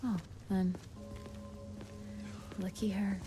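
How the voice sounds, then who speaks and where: A woman voicing an aloof, teasing young woman companion in a video game, with a soft, cool, insinuating voice. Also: medium pitch, level tone, very slow. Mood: coolly teasing. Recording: game audio with music behind.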